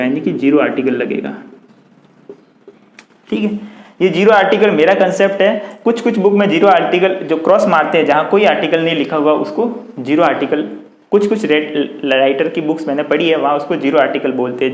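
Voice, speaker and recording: A man with a fairly high voice and a Hindi accent teaches a grammar lesson, repeating points patiently and spelling out example sentences slowly. He is recorded in an echoey room. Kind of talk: classroom-style grammar lesson.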